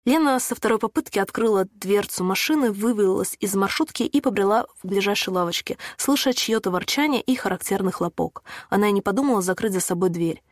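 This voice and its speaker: A woman reading a storybook chapter aloud in a measured, even narration. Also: medium pitch, no room sound, studio quality. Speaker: audiobook narrator. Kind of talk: scripted narration.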